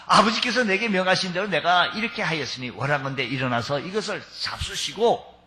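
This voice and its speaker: A man's voice: high-pitched, lively intonation, fairly quick, bright, forceful tone. A man acting out a younger son who deceives his father with polite lies in a sermon. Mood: ingratiating. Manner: falsely polite, ingratiating. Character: scheming younger son, smooth liar.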